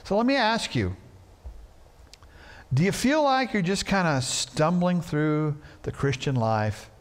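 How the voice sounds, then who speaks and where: Man, pastor, sermon, fairly high voice, very lively pitch, playful storytelling. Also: slow. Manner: animated storytelling with playful asides. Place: church sanctuary.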